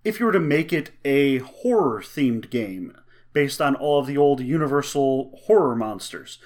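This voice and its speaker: A man's voice: mid-range voice, expressive, unhurried, a little mellow. A man co-hosting a casual board game discussion, talking through games with enthusiasm. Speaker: co-host.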